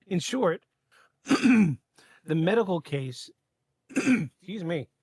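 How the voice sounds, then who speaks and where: A man hosting a podcast, reading a prepared script in a measured way, with occasional stumbles and quick asides. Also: high voice, big pitch swings, a little mellow, slightly rough, dry recording, clean studio sound. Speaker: podcast host. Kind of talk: scripted narration of a paranormal case.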